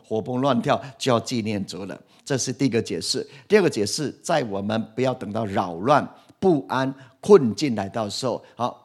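A middle-aged man preaching a sermon. He keeps asking the congregation questions and swings from loud to soft. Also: medium pitch. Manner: lively, asks the congregation questions, animated swings in loudness. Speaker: pastor.

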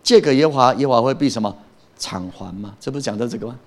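A man's voice: medium pitch, fast. A man preaching a sermon as pastor, emphatic, often asking the congregation a question and answering it himself.

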